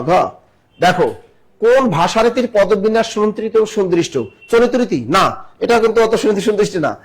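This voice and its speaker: A man teaching a live online exam-prep class, quizzing students and repeating questions while urging quick answers. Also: sits high.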